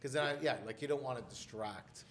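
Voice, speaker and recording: A man co-hosting a podcast in casual chat, a chatty, animated storyteller who laughs often. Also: mid-range voice, fairly quick, a little hiss or hum. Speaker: podcast co-host.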